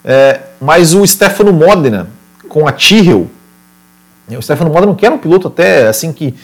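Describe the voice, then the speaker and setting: Brazilian man, higher-pitched, casual motorsport commentator. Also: fairly quick. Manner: animated storytelling with repeated words and frequent tag questions. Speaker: motorsport podcast or stream host. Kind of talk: casual motorsport commentary, retelling a past race.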